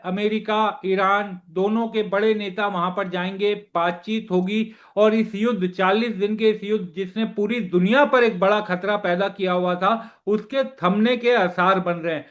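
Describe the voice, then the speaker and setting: Man, news interviewer, high pitch, measured formal delivery. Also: a bit bright. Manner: measured, scripted intro then long question.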